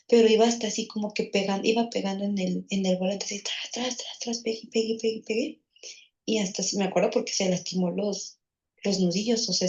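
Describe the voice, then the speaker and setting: A woman's voice: mid-range voice, a little mellow, dull audio. A woman with a Mexican accent recounting a childhood memory, rambling with many fillers and restarts. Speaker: guest in a therapy session. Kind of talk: personal storytelling.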